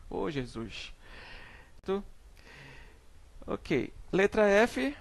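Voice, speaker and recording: A young adult male teacher with a Brazilian Portuguese accent and a slightly high, gravelly voice presents a phonetics lesson from classroom slides. He says each example word slowly and often checks in with "né?" and "certo?"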